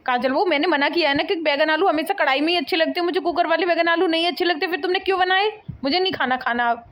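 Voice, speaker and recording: High-voiced cranky old saas, always scolding, cartoon comedy. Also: female voice, quick pace, a bit bright. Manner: scolding, complaining. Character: nagging elderly mother-in-law, easily offended. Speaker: mother-in-law.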